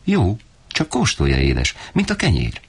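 A man's voice: sits low, wildly swooping pitch, vocal fry, slightly rough, voice pushed up, heavily acted. A man voicing an eager little boy who coaxes his mother to eat. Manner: eager, coaxing.

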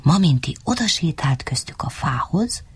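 Lively, husky woman reading a children's story. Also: deep voice, no room sound. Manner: animated, playful sound effects and voices.

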